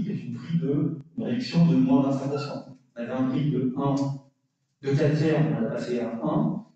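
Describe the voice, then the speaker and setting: A man's voice: mid-range voice, mellow. A man lecturing through a face mask, explaining calculations step by step, correcting himself and checking with questions. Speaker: university lecturer. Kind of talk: statistics lecture with worked calculations. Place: lecture room with students. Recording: muffled, very echoey lecture room, distant mic.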